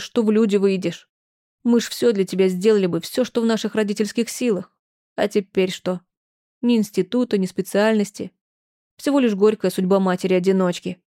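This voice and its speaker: Woman doing a weepy scolding mom from an audiobook, warm low-key tone but reproachful, lamenting. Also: lightly acted. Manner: lamenting, reproachful, clipped orders. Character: older mother, shrill, wailing, then stern.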